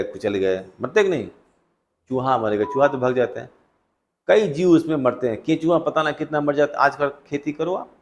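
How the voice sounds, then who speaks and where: Man teaching a classroom lecture. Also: medium pitch. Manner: conversational, questions the students. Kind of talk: classroom test solution lecture.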